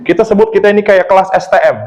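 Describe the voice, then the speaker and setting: A man's voice: high-pitched, rapid-fire, rough recording. A male pastor preaching a sermon in a church, telling stories with laughter and slipping English phrases into his talk. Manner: lively storytelling with laughter, mixes in English phrases.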